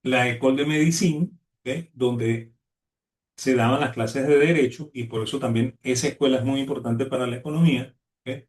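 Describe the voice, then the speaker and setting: A man lectures on economics at a middling pitch, tacking "¿ok?" onto nearly every phrase and restarting words as he goes. He stands some distance from the microphone, so his voice comes through with the roomy echo of a classroom. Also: moderate pace, darkish tone. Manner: constant "¿ok?" tag, restarts words. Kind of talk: university lecture. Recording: echoey room, voice away from mic.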